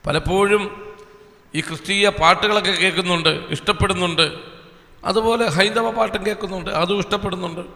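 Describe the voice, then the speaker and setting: Bright-voiced man testifying in a hall. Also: high voice, steady tone. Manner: earnest storytelling with long pauses. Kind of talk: personal testimony at a church service. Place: small church hall. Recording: echoey hall reverb.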